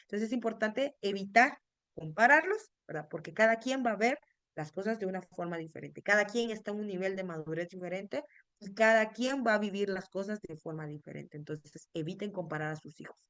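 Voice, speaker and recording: A woman's voice: mid-range voice, fairly quick, a bit bright, dry recording. A woman neuropsychologist leading a parenting workshop, explaining earnestly to parents and tagging almost every phrase with a questioning "right?". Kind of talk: online workshop talk.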